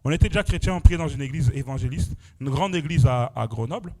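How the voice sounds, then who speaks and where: Fast and dark-toned at a medium pitch, a young Frenchman preaches a testimony at a church prayer vigil. He exclaims as he goes, punctuating phrases with "amen" and "alléluia."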